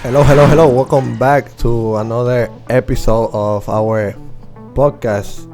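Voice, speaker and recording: A man's voice: medium pitch, fairly even intonation, unhurried, darkish tone, faint music behind. A young man hosting a student podcast, interviewing guests with a hesitant delivery full of filler sounds. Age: young adult. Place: media studio.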